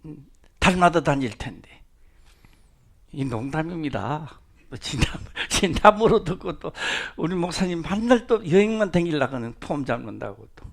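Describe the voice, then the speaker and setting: Gyeongsang pastor, highly animated preaching. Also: male voice, moderate pace, creaky. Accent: Gyeongsang Korean. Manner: swings between loud exclamations and low, hushed asides. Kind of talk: sermon.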